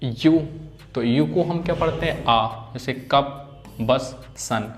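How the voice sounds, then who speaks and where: A man's voice: medium pitch, slow. A man teaching an English phonics lesson, repeating example words and often checking in with his students.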